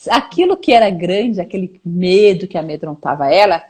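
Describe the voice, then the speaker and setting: A woman's voice: on the low side, expressive, normal speed, a little mellow. Earnest Brazilian woman from São Paulo. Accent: Brazilian Portuguese, São Paulo. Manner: earnest, encouraging, repeats "né?". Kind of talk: faith-based live chat.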